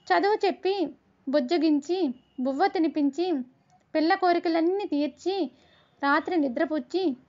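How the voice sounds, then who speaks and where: A woman storyteller with a high voice reads a children's tale steadily, ticking through each step. The sound is dull and lo-fi. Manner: steady, measured listing. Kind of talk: storybook narration. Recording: dull lo-fi recording.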